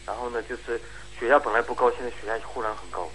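A man calling in to a radio show, polite, with quick short acknowledgements. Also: mid-range voice, fairly bright tone, slight background noise, low-quality recording. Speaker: caller. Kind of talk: phone-in conversation.

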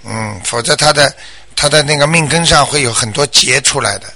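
Bright-voiced man hosting a call-in. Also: medium pitch. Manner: keeps asking if the caller understood; brisk, firm and reassuring. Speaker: radio call-in host. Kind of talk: radio call-in advice.

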